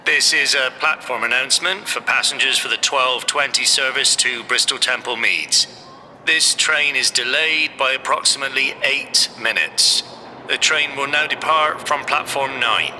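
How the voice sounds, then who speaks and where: A man reads a train station announcement in a bright, even, formal tone. His voice rings out with a long reverb tail, as if carried through a large station hall. Faint background noise sits beneath the words. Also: medium pitch, normal speed. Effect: station public address announcement.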